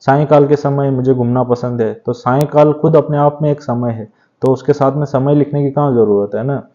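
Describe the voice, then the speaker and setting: A man teaching an exam revision class, explaining steadily and often checking in with a quick tag question. His voice is mellow and relaxed, at an ordinary pitch. The recording sounds somewhat dull and lo-fi. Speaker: Hindi grammar teacher.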